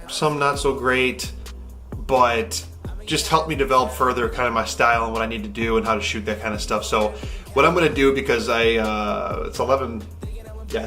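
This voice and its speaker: A man's voice: mid-range voice, bright, forceful tone. A man in his thirties chatting casually and hesitantly to camera as a vlogger, in an echoey hotel room. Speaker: film photography vlogger.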